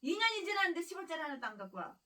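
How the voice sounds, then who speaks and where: High, bright-voiced woman preaching fiercely. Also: big pitch swings, very fast, far from the mic. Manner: fiery, scolding preaching with repeated phrases; harsh angry ranting with insults. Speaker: pastor. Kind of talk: sermon.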